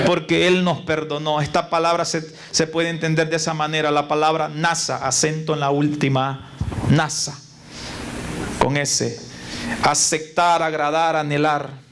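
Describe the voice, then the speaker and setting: Gravelly high-voiced preaching man. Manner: preaching with call and response to the congregation; reciting lists of word meanings. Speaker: pastor. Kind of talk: sermon. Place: church sanctuary. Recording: noisy church recording.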